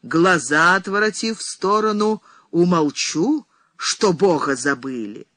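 A woman's voice: lowish voice, lively intonation, measured pace, a bit bright, no room sound, studio quality. A woman reading the part of an elderly nun, sonorous and solemn, crying out warnings like a prophet. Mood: prophetic. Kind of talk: audiobook reading.

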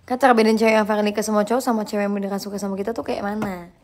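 A young woman hosting a live stream, chatting casually and playfully with viewers and answering their questions in slang, quick to laugh at herself. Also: medium pitch, flat delivery, a little mellow, slight background noise. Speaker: livestream host.

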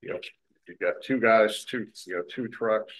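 A man from town staff talking haltingly with many fillers at a council meeting. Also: lowish voice, a bit bright, rough recording. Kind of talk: public meeting discussion.

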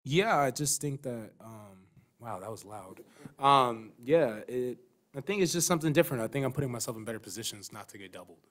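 A young man, a basketball player, answering reporters at a postgame press conference. He speaks into a desk microphone in a press room, relaxed and thoughtful, with plenty of "um"s and "you know"s. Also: medium pitch, a little fast. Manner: relaxed, thoughtful, many fillers.

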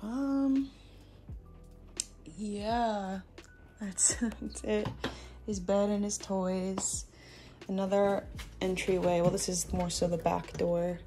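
Slow-talking young woman touring her home. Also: mid-range voice, fairly even intonation, mellow, soft background music. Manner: rambling, filler-heavy, coos to her dog. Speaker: vlogger giving a house tour. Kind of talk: casual house-tour narration. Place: small new house, indoors. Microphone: handheld phone camera.

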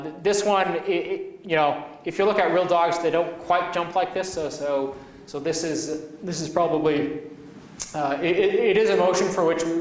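A man giving a university lecture, halting and restarting often with many fillers as he explains his work. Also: on the high side. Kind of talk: academic lecture. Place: lecture hall. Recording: echoey hall, from far off, faint noise.

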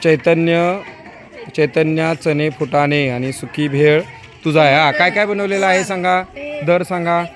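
A male school teacher touring an outdoor school market, briskly coaxing children with quick prompts. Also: on the high side, fairly even intonation. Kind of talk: walking tour of a school market stall by stall. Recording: noisy crowd of children outdoors.

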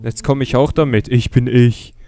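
A man's voice: mid-range voice, mellow, clear, resonant tone, no room sound, studio quality. A young man hosting a comedy video, mocking and sarcastic as he comments, often laughing. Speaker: YouTuber host.

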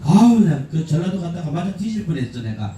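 A man's voice: fairly high pitch, big pitch swings, brisk, warm tone, slight background noise. A man from Gangwon Province leading a street performance troupe, joking crudely with the crowd in outdoor stage banter. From Gangwon Province, Korea. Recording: echoey outdoor sound, far from the mic.

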